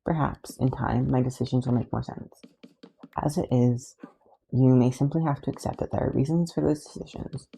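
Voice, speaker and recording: A podfic reader voicing Batman, a stern grim male vigilante who speaks in a low, clipped deadpan. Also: normal speed, creaky, slight background noise, close to an everyday voice, rough recording.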